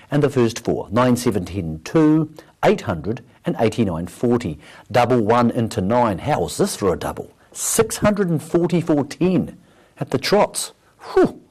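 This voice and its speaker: A man's voice: medium pitch, a little mellow, husky. A man with a broad New Zealand accent presenting racing results and dividends in a breezy style.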